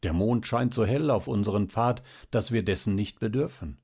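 A man voicing an earnest, mysterious young man who speaks softly and persuasively, in an audiobook reading. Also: lowish voice, normal speed, gravelly, husky. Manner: soft, pleading, then serious.

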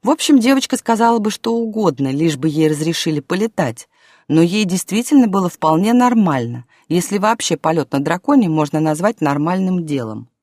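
A woman narrating an audiobook in a calm storytelling manner, dropping to a hush in quiet scenes. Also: fairly low pitch, fairly quick, no echo, studio quality.

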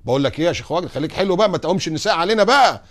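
A man with an Egyptian accent preaching on morals, putting lively rhetorical questions to his audience and telling humorous anecdotes. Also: high-pitched, racing. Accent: Egyptian Arabic. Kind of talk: religious talk on morals.

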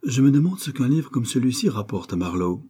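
A man's voice: medium pitch, sing-song, a little fast, mellow, slightly rough, voice pushed up. A man voicing an earnest, plain-spoken young sailor who has turned writer.

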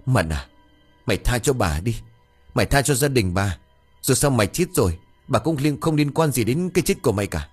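A man voicing a frightened older mistress of a household, shrill and frantic, pleading and screaming in an audio ghost story. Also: lively intonation, moderate pace, pauses often, husky, soft background music.

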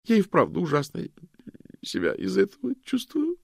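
A man voicing a frightened female fortune-teller suspect who stammers and pleads in a shrill voice. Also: big pitch swings, brisk, creaky, a little mellow, no room sound, clean studio sound. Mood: anxious pleading.

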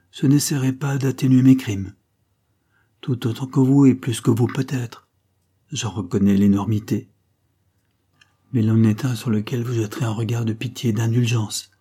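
A man's voice: medium pitch, mellow, breathy edge, close to an everyday voice. A man voicing a remorseful nobleman in an audiobook, pleading and confessing his wrongs. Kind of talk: audiobook character reading.

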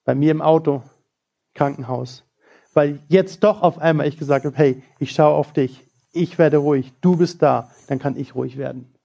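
A man preaching in church, his voice on the high side yet dark and mellow in tone. He talks earnestly, often slipping into quoted prayers. The recording is dull and lo-fi. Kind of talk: sermon.

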